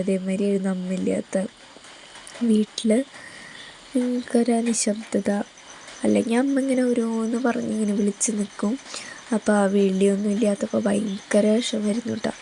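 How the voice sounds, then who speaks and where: A woman's voice: medium pitch, vocal fry, warm tone, slight background noise, low-quality recording. A young woman, chatting fondly in a home vlog with rambling asides and fillers. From Kerala. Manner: rambling, fond, with many fillers. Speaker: family vlogger. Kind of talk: casual vlog narration.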